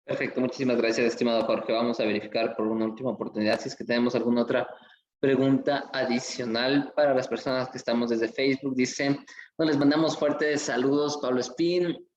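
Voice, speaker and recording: A man's voice: medium pitch, fairly even intonation, fairly quick, darkish tone, dull audio, slight background noise. A man hosting an online conference, effusive and promotional, reading out viewer comments. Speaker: event host. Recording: echoey room with faint music.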